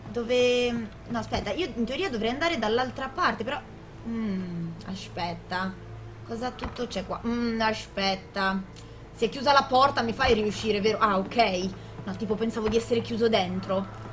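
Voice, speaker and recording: A woman hosting her gaming channel, giving chatty let's play commentary, talking to the game character and quickly getting alarmed with frequent restarts. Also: on the high side, slight background noise, rough recording.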